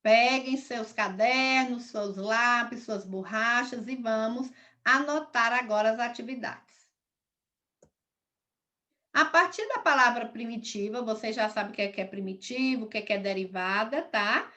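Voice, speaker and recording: In a recorded lesson for young children, a woman who teaches primary school speaks at a measured pace. Her tone is bright, forceful, and a little high, and she goes over every example patiently, one stage at a time.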